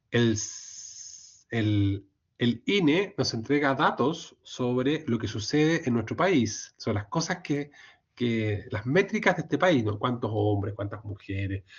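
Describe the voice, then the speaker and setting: A man's voice: mid-range voice, slow pace, husky, highs cut off. A man with a Chilean accent teaching a logic class, checking in with his students often and repeating himself for emphasis. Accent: Chilean Spanish. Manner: frequent checking tags and restarts, animated emphasis. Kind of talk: recorded lecture on logic.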